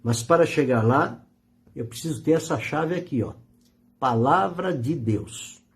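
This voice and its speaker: A man, a pastor preaching a sermon in an earnest style, with swells of emphasis and slow, deliberate pauses. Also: fairly high pitch, expressive.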